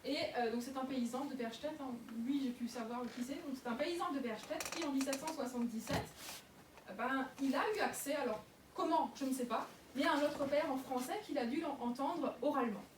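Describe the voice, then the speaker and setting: A young woman gives a public lecture with a fairly high voice, pausing often on fillers and restarting her sentences. She sounds far from the mic in an echoey room. Steady noise runs under her voice. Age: young adult. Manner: hesitant, many fillers and restarts.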